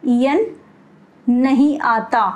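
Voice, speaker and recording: A woman's voice: high voice, extremely slow. A woman teaching a language lesson, asking questions and then answering them herself as she explains step by step. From India.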